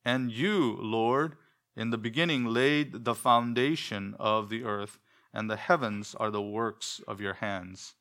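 A man whose first language is Korean, preaching an expository sermon in church with a measured, deliberate delivery and rhetorical questions. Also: on the low side, fairly bright tone. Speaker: pastor. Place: church sanctuary.

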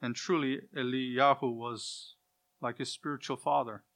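Guy teaching a bible passage, punchy emphasis then soft asides, says names the hebrew way, mid pitch. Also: steady tone, unhurried. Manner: emphatic, swings from loud stresses to quiet asides; uses Hebrew pronunciations of names. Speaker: preacher.

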